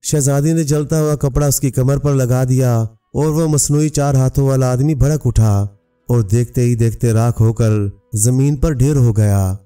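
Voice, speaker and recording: Brief: male storyteller, mellow dark voice, set back from the mic with faint music. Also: medium pitch, measured pace, clean tone, recorded from a distance. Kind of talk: scripted storybook narration.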